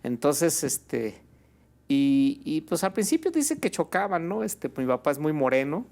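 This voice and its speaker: Gravelly-voiced Mexican man telling stories. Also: on the high side, measured pace. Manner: relaxed, fills with "este" and "pues", ends phrases with "¿no?". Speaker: guest, birria restaurant owner. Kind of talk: conversational storytelling in an interview.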